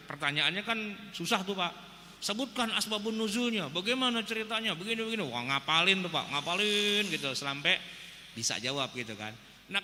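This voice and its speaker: A man with a Jakarta accent preaches in a loose, joking, conversational way. His voice is bright and a bit high, and it rings through a reverberant hall over faint background noise. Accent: Jakarta Indonesian. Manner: chatty, joking, addresses audience as "Pak". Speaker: Islamic preacher. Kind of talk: informal religious lecture.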